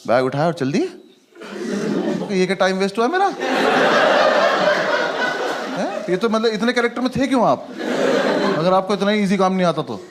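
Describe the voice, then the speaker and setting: Male standup comic telling a story on stage, acts out everyone, slightly high voice, big crowd laughing loud behind. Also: fairly quick, long pauses, very noisy. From India. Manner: animated storytelling, acting out others in quoted dialogue. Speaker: stand-up comedian. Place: comedy stage with a live audience. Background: audience laughter.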